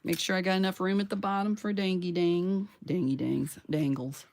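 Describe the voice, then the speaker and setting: Woman craft vlogger, low voice with a gravelly edge, chatty and playful, talks viewers through each step. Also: steady tone, normal speed, darkish tone, a little hiss or hum. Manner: chatty, talks to herself while working; playful sound words and self-cheering. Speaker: craft channel host. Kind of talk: casual crafting tutorial.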